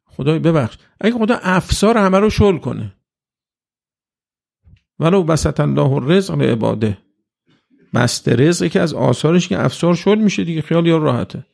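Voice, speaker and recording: Gravelly man preaching with rhetorical questions. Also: a little high, expressive, long pauses, darkish tone. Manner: argumentative, rhetorical questions, acts out imagined voices. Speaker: religious lecturer. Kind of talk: religious lecture.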